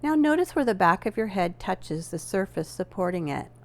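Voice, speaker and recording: With a medium-pitched, sing-song voice, this woman leads a guided yoga nidra relaxation. Her instructions come gently and in measured fashion, with purposeful pauses.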